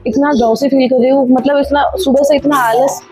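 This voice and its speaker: High-voiced chatty young woman vlogger. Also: steady tone, brisk, darkish tone, faint music behind, rough recording. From Rajasthan, India. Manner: chatty, rambling, talks straight to viewers. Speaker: vlogger and mother. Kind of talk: casual daily-life vlog narration. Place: at home, indoors.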